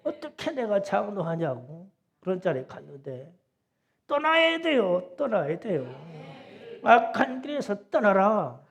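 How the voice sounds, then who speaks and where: A middle-aged man preaching a Sunday sermon in a church, his voice pitched high with a gravelly, creaky grain. He tells his story in a folksy, chatty way. He drops into soft asides and then presses his points home with loud, emphatic insistence. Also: big pitch swings, measured pace. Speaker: pastor. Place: church sanctuary.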